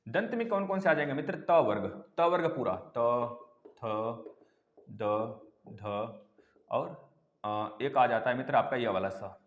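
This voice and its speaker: A man giving an online exam-prep lesson at a medium pitch. He talks in an animated way, repeats each sound aloud and calls his listeners friends. His voice rings around an echoey room with a long reverb tail. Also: measured pace, muffled recording. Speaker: teacher.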